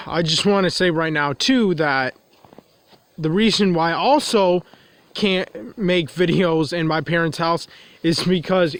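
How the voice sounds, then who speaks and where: Standing outdoors in the cold, a vlogger whose runny nose leaves his voice nasal and stuffed-up rambles through a confessional monologue. His voice is a touch higher than most men's and fairly bright, and he circles back repeatedly to say the same thing in new ways. There's no echo.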